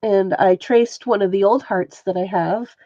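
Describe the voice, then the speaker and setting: On a relaxed livestream, a textile artist shows off her stitching and talks to viewers by name, her nose stuffy and sniffly throughout. Her mid-range voice is mellow, with fairly even intonation and a measured pace. There's no room sound, and the audio is dull.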